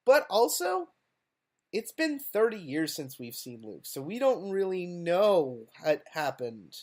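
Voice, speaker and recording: A man's voice: high voice, big pitch swings, slow pace. A man co-hosting a podcast in casual chat, hesitant and full of ums and you-knows. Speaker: podcast co-host.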